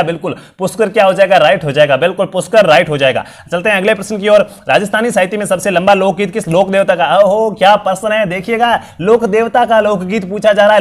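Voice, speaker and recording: A young man, his voice strained and worn, teaching a live online quiz class and quizzing students over and over in an upbeat way. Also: sits high. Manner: repetitive, upbeat quizzing with frequent fillers. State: strained, worn voice from illness and long talking. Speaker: online exam-prep teacher.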